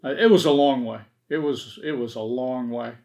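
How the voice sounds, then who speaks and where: A man's voice: mid-range voice, normal speed, creaky, a little mellow. A man chatting as a podcast guest, adding his side of a hunt and repeating himself often. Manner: frequent short affirmations, repeats himself. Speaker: podcast guest and hunting partner. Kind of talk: casual chat.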